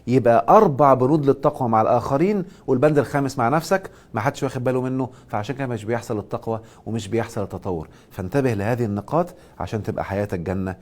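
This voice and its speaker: A man with an Egyptian accent hosting a live stream, giving a motivational and religious talk and answering viewers' questions. He stresses points loudly, then drops to soft asides. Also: medium pitch, very fast. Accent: Egyptian Arabic. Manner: emphatic, swings between loud stress and soft asides. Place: live social media stream.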